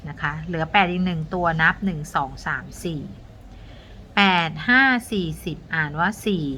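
A woman's voice: fairly low pitch, moderate pace, bright, forceful tone, a little hiss or hum. A woman teacher patiently walking young students through a math lesson step by step, counting aloud with polite particles.

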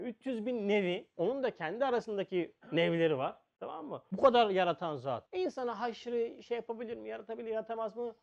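A man teaching a religious lesson, full of rhetorical questions and swinging between loud stresses and hushed asides. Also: sits high, vocal fry, dull audio. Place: on a pulpit or lecture seat.

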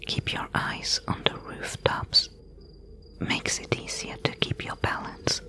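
A woman voicing a wry, bossy thief mentor in a breathy, hushed whispered role-play, giving instructions. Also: takes it slowly. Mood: teasing, instructing.

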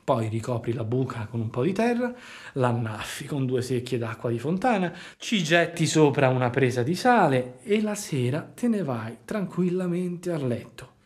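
A man voicing a sly, scheming fox who talks smoothly and coaxingly, sometimes dropping to a hush. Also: mid-range voice, big pitch swings, moderate pace, lightly acted.

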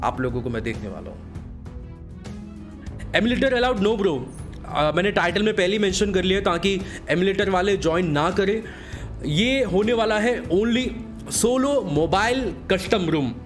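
Hoarse young-sounding streamer guy. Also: sits high. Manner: greets viewers by name in a breezy, joking way. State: hoarse from a sore throat. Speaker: game streamer. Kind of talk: casual live-stream chat with viewers.

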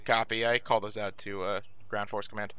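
A man's voice: fairly low pitch, little pitch movement, brisk, sharp tone, muffled recording. Man on noisy military game voice chat. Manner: profane, military radio jargon. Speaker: player acting as forward air controller in a military simulation game. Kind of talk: radio callouts and casual squad chat while gaming. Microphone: gaming voice chat. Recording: gunfire and clicks over noisy game voice chat.

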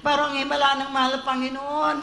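A woman's voice: sits high, completely flat delivery, brisk, sharp tone, reverberant. A woman giving a fervent church testimony, often breaking off to say hallelujah and praise God. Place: church service.

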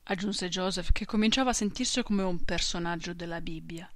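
A woman narrating a classic novel as an audiobook reader in a measured, steady way. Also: fairly low pitch.

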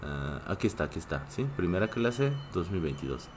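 A man's voice: low-pitched, very animated, a little fast, background noise. A man who is a native Korean speaker, teaching a live online class in a patient way and often checking in with his students. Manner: reads chat and greets viewers.

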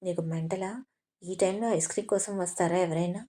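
A woman's voice: lowish voice, steady tone, a little fast, warm tone, natural voice. A woman voicing a hot-tempered, protective young male businessman who scolds harshly in an audio story. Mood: angry scolding.

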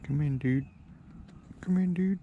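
A man's voice: on the high side, measured pace, phone-quality sound, slight background noise. A man casually talking to himself while fishing off a dock, filmed on a body-worn camera. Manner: muttering, coaxing the fish. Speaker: angler filming his fishing trip. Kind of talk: casual self-talk while ice fishing. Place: outdoors on a dock by a lake. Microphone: body-worn action camera.

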